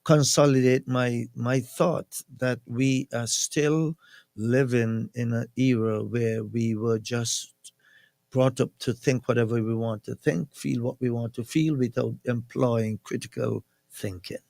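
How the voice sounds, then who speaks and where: Male radio guest, Kittitian accent, gravelly fry in a mid-pitched voice, outspoken, close dry studio sound. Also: steady tone, a little slow, a little mellow, dry recording. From Saint Kitts. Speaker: guest, national security advisor. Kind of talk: radio interview, conversational.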